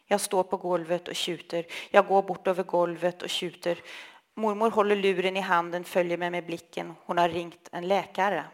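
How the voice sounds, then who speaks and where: A woman reading a literary text aloud in a slow, measured, intimate way. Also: fairly low pitch, flat delivery. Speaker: reader.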